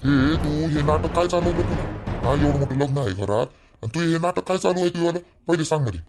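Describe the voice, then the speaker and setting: A man voicing an older village father-in-law, who scolds loudly and then soothes. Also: a little high, fast talker, music in the background, close to an everyday voice. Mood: scolding.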